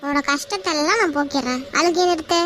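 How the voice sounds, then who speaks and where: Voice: sits high, quick pace, pushed and bright, a little hiss or hum. A performer voicing a young woman in a cartoon, the bossy best friend who scolds, teases and protects. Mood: comforting. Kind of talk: Tamil slang chat, cartoon voice acting.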